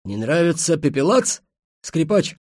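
A man voicing an excitable male musician who speaks with teasing irony. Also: on the high side, measured pace, dry recording, studio quality, pitched above the performer's own voice. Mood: mocking. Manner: ironic, teasing.

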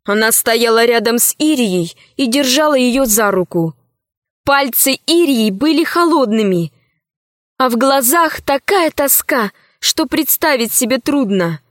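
A woman reading a children's story aloud in a measured, expressive way. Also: a little high, no echo, clean studio sound. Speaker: narrator. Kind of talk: audiobook reading.

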